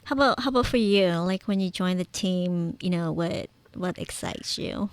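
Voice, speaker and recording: A woman's voice: lowish voice, normal speed. A woman hosting a radio interview, upbeat and laughing between her questions. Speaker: radio show host. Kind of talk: casual interview.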